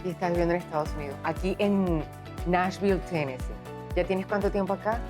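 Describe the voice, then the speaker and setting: A woman's voice: on the low side, a little fast, over music. A woman from Venezuela hosting an interview show, asking curious, friendly questions. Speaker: host.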